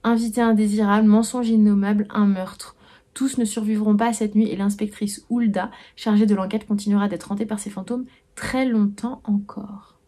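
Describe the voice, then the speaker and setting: A woman's voice: medium pitch, steady tone, moderate pace, mellow. A young adult woman vlogging about books she received, talking casually and hesitantly, with many fillers and restarts. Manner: hesitant, full of "euh" and restarts, musing aloud. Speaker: book vlogger.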